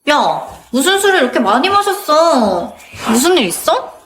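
Lively, nagging actress playing young woman friend. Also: high voice, moderate pace, roomy sound, soft background music. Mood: exasperated, fussing. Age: young adult. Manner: nagging, expressive. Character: exasperated, loyal young woman minding her drunk friend. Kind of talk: audio drama acting.

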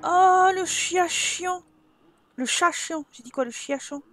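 A woman's voice: extremely high pitch, slow pace, a bit bright, soft background music. A young woman giving casual commentary while playing a life-simulation game, talking to her characters and swearing at the game in exasperation. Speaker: Sims let's play streamer.

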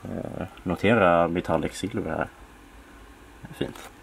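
Low male voice, unhurried, hobbyist showing his collection; noisy home-recorded sound. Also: gravelly. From Sweden. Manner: relaxed, listing parts with many fillers. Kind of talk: casual room-tour narration. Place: home workshop room, dim lighting.

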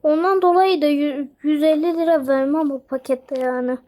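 Excitable high-voiced young woman gamer. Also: moderate pace. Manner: excitable, squeals and cries out in delight. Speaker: gaming channel host. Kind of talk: casual game commentary.

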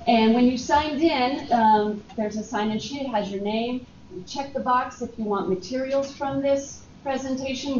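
A woman hosts a workplace communications workshop, sounding chatty and upbeat in a medium-pitched voice. She's recorded from across a meeting room, so the audio is far-off, roomy, and lo-fi with background noise.

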